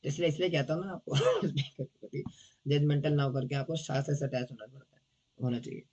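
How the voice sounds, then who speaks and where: A hoarse man teaching a devotional scripture class in a casual, chatty way, often teasing and checking in with his listeners. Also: fairly high pitch, big pitch swings, moderate pace, a little mellow, muffled recording.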